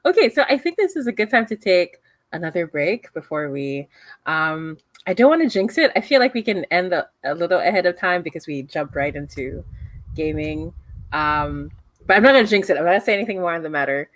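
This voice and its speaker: A woman's voice: lowish voice, big pitch swings, brisk, dry recording. Woman, tabletop game master, chatty, laughing, dry close mic. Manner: chatty, lots of fillers and laughter. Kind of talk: running a tabletop game online.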